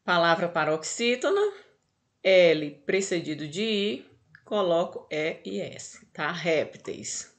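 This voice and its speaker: A woman's voice: lowish voice, expressive, slow pace. A Brazilian woman teaching a grammar lesson, patient and explaining step by step, checking in often with her students.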